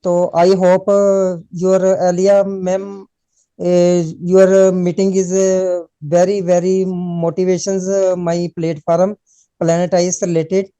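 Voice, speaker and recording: Un homme qui participe à une réunion en ligne et parle un anglais hésitant et approximatif, avec beaucoup de "uh". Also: male voice, sits high, monotone, mellow, smooth, dry recording. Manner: halting broken English, many fillers. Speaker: meeting participant. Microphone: video call.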